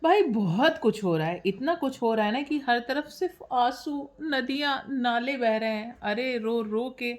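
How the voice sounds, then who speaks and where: A woman's voice: fairly high pitch, expressive, measured pace, few pauses. A woman, running a teasing, sarcastic gossip commentary as a reaction vlogger.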